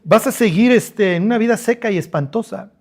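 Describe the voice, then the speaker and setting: A man's voice: sits high, fairly quick. A man with a Mexican Spanish accent voicing God as a blunt, familiar fatherly figure in a sermon. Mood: earnest. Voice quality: casual slangy scolding.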